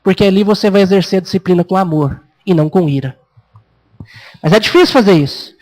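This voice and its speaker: A man's voice: sits high, fast talker, darkish tone, rough recording. A Brazilian man, a pastor, preaching a sermon in a conversational way, acting out parents and children in a raised voice. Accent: Brazilian Portuguese. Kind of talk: expository sermon.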